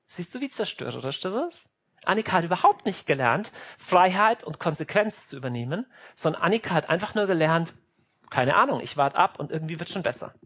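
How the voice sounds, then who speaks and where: Husky, lively, emphatic preacher. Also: mid-range voice. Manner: emphatic, acts out family scenes. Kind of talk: sermon.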